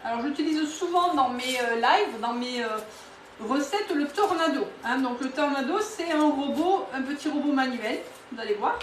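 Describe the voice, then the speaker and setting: A woman's voice: high-pitched, expressive, normal speed, slight background noise. A woman from southwest France with a southwestern French accent, talking her way through a live cooking demo in a home kitchen, chatty and enthusiastic, with many fillers and restarts. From southwest France, near Toulouse. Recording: roomy, a bit distant from the mic.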